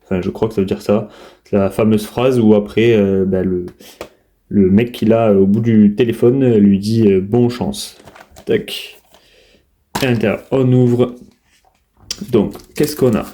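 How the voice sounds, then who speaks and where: A man's voice: fairly low pitch, fairly even intonation, measured pace, pauses often, warm tone. A man casually showing his disc collection in an unboxing video, talking in a chatty, hesitant way with many fillers and restarts.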